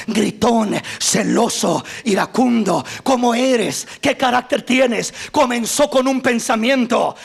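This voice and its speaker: High, gravelly-voiced male pastor preaching. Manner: impassioned preaching, rises to shouting on key lines. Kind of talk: sermon.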